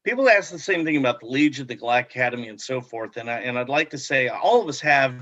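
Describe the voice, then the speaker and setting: A man's voice: mid-range voice, animated, fast, sharp tone. A man answering a panel question thoughtfully and earnestly, with frequent fillers. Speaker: club founder. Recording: muffled dry online audio.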